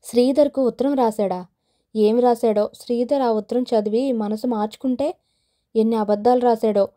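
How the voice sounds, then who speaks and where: A proud young rich woman snaps back in curt, scornful lines, as a woman narrator voices her. The voice sits fairly high and sounds dark and mellow. It is a character in a spoken audio novel. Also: steady tone, normal speed, close to an everyday voice.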